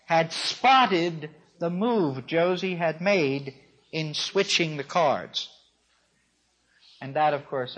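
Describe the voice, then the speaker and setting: Male lecturer, unhurried wry storyteller, dull lo-fi recording. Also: a little high, fairly bright tone. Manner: wry, dryly amused storyteller.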